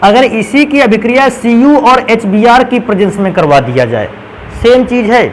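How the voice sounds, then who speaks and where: With an extremely high pitch and lively intonation, a man delivers a chemistry lecture at normal speed. He calls the students "beta" and responds to his own questions, and the poor audio has slight background noise.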